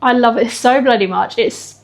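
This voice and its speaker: A young woman chatting casually in a fitness vlog, emotional and quick to laugh. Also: on the high side. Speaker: fitness vlogger.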